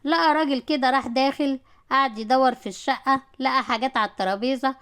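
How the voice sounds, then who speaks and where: A woman with an Egyptian Arabic accent, narrating a comic story in a brisk, animated way. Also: high voice, clear, resonant tone.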